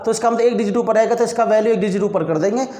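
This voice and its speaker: High-voiced teacher in an echoey room. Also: male voice, very fast, mellow. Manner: addresses students as children, repeats steps. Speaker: chemistry teacher. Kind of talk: classroom lecture. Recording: echoey room with long reverb.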